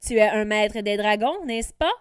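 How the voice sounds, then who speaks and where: A woman's voice: medium pitch, expressive, normal speed, clean tone, no echo, studio quality, natural voice. A woman voicing a mocking, sneering evil man wizard, in a storybook reading. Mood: taunting. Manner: mocking, taunting.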